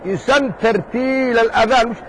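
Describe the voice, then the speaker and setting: A man teaching a jurisprudence lesson in a mosque circle, talking casually and lively, joking with his students and firing rhetorical questions at them. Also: very high-pitched, a little fast, a little hiss or hum, rough recording. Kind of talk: informal classroom lesson.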